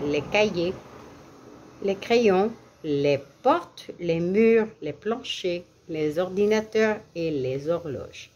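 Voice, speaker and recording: A woman teaching French vocabulary as a lesson, repeating each word deliberately and giving English glosses. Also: on the low side, a little mellow, dull audio. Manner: slow, deliberate repetition of words for learners. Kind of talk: classroom lesson.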